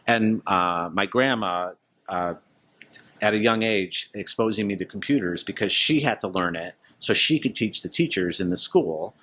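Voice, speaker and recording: A man with a fairly low voice speaks as a guest in an interview. His answers are casual and conversational. He links his thoughts loosely, in informal everyday phrasing. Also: moderate pace, sharp tone. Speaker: interview guest, business leader.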